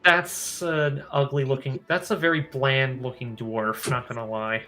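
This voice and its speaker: Bright-voiced young man chatting casually. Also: medium pitch, fairly even intonation, a little slow. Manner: chatty, hedging with "not gonna lie". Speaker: stream participant. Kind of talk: casual group chat. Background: music.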